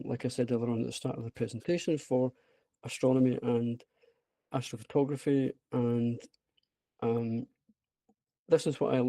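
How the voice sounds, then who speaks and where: Creaky and dark with a breathy edge, this medium-pitched voice belongs to a Scottish app maker with a broad accent presenting informally online via screen share. He's hesitant and quick to put himself down, though enthusiastic, and the audio has no echo.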